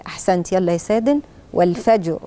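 In a lowish, mellow voice with an Egyptian Arabic accent, a woman who preaches guides children through Quran recitation. She explains every rule step by step and recites verses slowly as examples.

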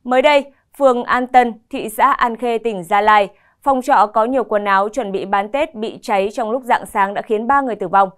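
A young woman anchoring the news in a TV studio with a crisp, formal delivery. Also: on the high side, moderate pace.

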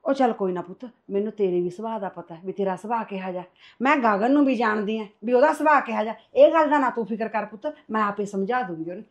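A woman playing a gentle older mother. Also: medium pitch, fast, lightly acted. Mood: soothing. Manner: gentle, reassuring, calls others son. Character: kindly mother, soothing her son's wife. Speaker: mother-in-law. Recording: dull lo-fi sound.

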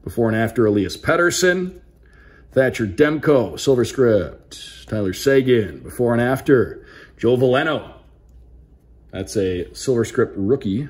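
Calling out names like a sports broadcaster, a hockey play-by-play man offers casual, upbeat unboxing commentary on cards. He speaks unhurriedly at medium pitch with lively intonation.

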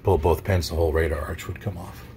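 Slow and easygoing, a low-voiced boat owner gives a vlog tour of his yacht moored in a marina, captured on an outdoor camera mic with steady background noise. He's relaxed and thinks out loud, often trailing off mid-thought.

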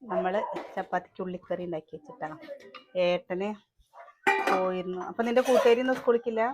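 Speaking fast and fairly low over music, a Malayali-accented mother and family vlogger talks to the camera as she makes breakfast in her kitchen, shouting to her kids now and then in casual home vlog narration.

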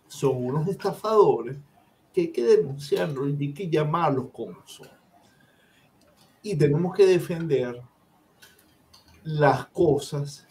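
Emphatic Venezuelan man, higher voice. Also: dark tone, slight background noise. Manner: emphatic, opinionated, lecturing. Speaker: guest professor. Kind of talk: live-stream discussion.

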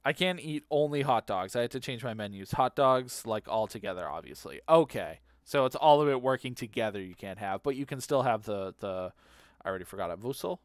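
A man streaming a game, talking to chat in a loose, rambling way and repeating words aloud. His voice sits in a middle pitch, and the sound is dry and close. He hums little tunes between thoughts. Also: expressive, a little fast, no echo. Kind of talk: casual chat while playing a game.

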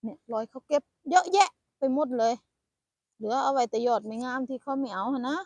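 Foraging along a roadside, an older Isan-accented woman from northeast Thailand laughs a lot and chats with her grandchild for her vlog. Her voice is high-pitched with a darkish tone and a slightly fast pace, captured on a phone camera without echo.

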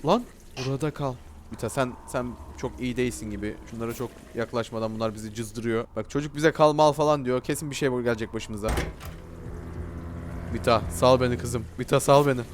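A young man hosting a gaming channel, giving excitable, slangy commentary with casual swearing while he talks back to the game characters. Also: mid-range voice, quick pace, background noise. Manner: reads on-screen dialogue aloud.

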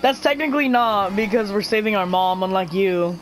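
A man's voice: sits high, moderate pace, a little hiss or hum, rough recording. A man bantering and teasing his friends in casual voice chat while gaming, laughing often. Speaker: gamer.

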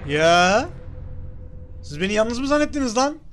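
A man with a very high, very animated voice streams a video game at normal speed, giving casual let's-play commentary. He swears and talks back to what's happening on screen, with loud game music behind him.

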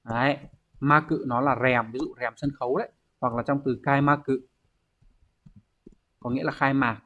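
A man's voice: mid-range voice, fairly even intonation, normal speed, fairly bright tone. A man teaching an online exam review lesson, explaining step by step and often checking in with his students. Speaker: Japanese teacher. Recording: dull lo-fi recording.

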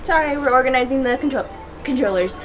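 A young woman hiccuping and laughing loudly as she chats casually while playing a video game with friends in a living room. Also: high voice, fast, faint music behind. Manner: giggly, animated, loud laughter. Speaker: let's play co-host. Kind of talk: casual gaming chat.

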